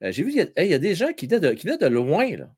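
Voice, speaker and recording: A man's voice: fairly high pitch, wildly swooping pitch, racing, darkish tone, breathy edge. Chatty Quebec French man. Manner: chatty, teasing, repeats himself, many fillers. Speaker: live stream host reading viewer chat during a hockey game. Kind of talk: casual live chat with hockey updates.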